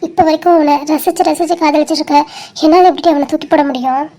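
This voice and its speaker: A performer voicing a heartbroken, stubborn young woman in a cartoon, talking softly and hesitantly through tears. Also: high voice, fairly even intonation, quick pace, lightly acted. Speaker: animated series character. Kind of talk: dramatic cartoon dialogue.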